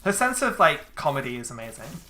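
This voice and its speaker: A woman streaming a game, chatting casually with a friend, swearing freely and filling pauses with ums. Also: low voice, very animated, bright, forceful tone. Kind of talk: casual chat while gaming.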